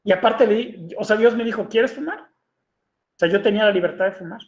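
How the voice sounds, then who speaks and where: A man preaches in a relaxed, conversational way, often checking in with his listeners with a quick question. His voice sits high for a man. The sound is roomy and echoing, with a dull, lo-fi quality. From Mexico. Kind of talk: sermon testimony. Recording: echoey room, dull lo-fi sound.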